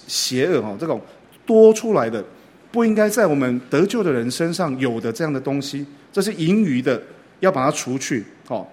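A man preaching a sermon, telling a folksy story in a gentle way and often dropping short filler sounds between phrases. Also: a little high. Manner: frequent filler particles like "ah" and "ha".

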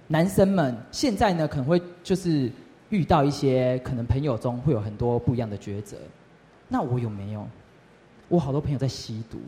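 A young man tells a lively testimony story to a youth group, often asking the audience questions. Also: fairly high pitch. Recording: reverberant hall.

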